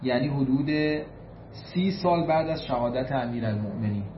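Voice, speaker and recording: Speaking at medium pitch with lively intonation, this Iranian religious lecturer tells stories in a sermon, repeating figures and key points emphatically for weight. He recites Arabic quotations and then translates them; the recording is roomy and slightly dull, with a little hiss or hum.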